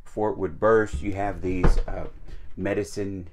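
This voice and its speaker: A man giving a casual walkthrough tour of a travel trailer. He talks in a relaxed, chatty way with frequent fillers, recorded on a handheld camera mic while he walks around inside. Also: deep voice, unhurried, loud music behind the voice. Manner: easygoing, chatty, with frequent uh fillers and small restarts. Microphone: handheld camera mic while walking.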